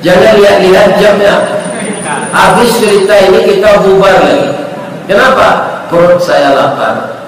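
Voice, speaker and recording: A man's voice: sits high, moderate pace, pauses often. A middle-aged man preaching in a mosque, joking with the congregation and telling a moving story. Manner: folksy, jokes with the congregation, tells a moving story. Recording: distant echoey mosque hall recording.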